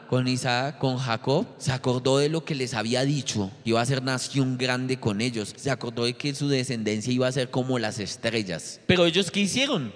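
A male pastor delivers a sermon in an earnest, pleading way, returning again and again to the same phrases. His voice sits a little high for a man. The sound carries a long reverb from a large hall.

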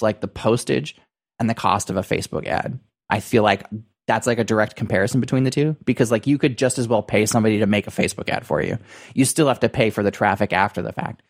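Man in halting, casual business chat. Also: lowish voice. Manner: halting, circling phrasing with repeated "you know" and "like". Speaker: podcast co-host.

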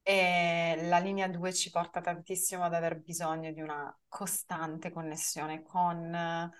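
A woman's voice: fairly low pitch, flat delivery, unhurried, clean tone. A woman hosting a podcast, responding to her guest in an encouraging, conversational way. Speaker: podcast host.

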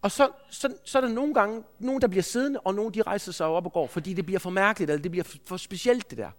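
A man preaching a sermon, telling a story in an earnest, anecdotal way with frequent restarts. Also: high voice. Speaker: preacher, school head.

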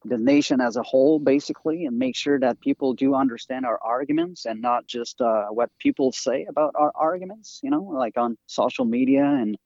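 A man with a French accent, a native French speaker, talking as an interview guest and author in a halting way with many fillers and restarts. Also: mid-range voice, darkish tone, no room sound. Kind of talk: interview talk over a call. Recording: dry, dull lo-fi audio.

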